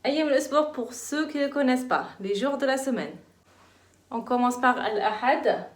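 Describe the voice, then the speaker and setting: A young woman teaches children in a playful, animated, encouraging voice. She sits a little high for a woman. The room around her is echoey. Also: quick pace. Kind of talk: children's lesson.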